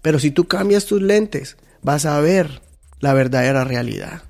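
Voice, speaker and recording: A man with a slightly high voice gives an earnest devotional talk for his podcast. He teaches through stories, acts out the people in them, and takes his time, often restarting his sentences. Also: lively intonation, measured pace, darkish tone. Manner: earnest, teaching, tells stories with quoted dialogue. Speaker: podcast host.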